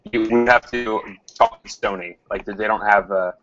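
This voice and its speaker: A man's voice: on the low side, steady tone, moderate pace, a bit bright. A man in an online team meeting, explaining things at length with restarts and fillers. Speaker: team member. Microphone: computer mic on a video call. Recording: muffled call audio with faint noise.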